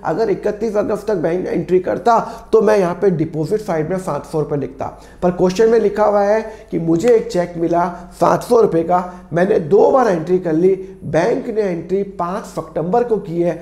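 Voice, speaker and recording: A man with a sore, hoarse throat teaching an accounts lesson, asking and answering his own questions and repeating key phrases. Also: sits high, mellow, echoey room. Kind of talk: classroom-style lesson explanation.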